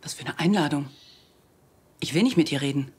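A man's voice: fairly high pitch, brisk, breathy edge. An actor playing a resentful, unwelcoming man in a TV drama, speaking curtly and defensively. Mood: cold, defensive. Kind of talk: TV drama dialogue.

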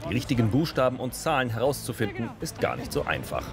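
A man's voice: mid-range voice, sing-song, fast. A man reading the scripted narration of a TV feature report. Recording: voice-over with music bed.

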